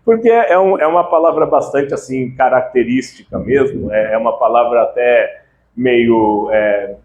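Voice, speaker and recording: A man giving an informal lecture to a live audience, animated and conversational, tagging his sentences with quick confirmations. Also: medium pitch, phone-quality sound. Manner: animated, conversational, frequent "né" tags. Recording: echoey room with faint background noise.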